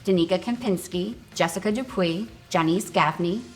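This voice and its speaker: Woman, documentary voice-over narrator, lowish voice, explains matter-of-factly, faint music underneath. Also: normal speed. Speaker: show narrator and organizer.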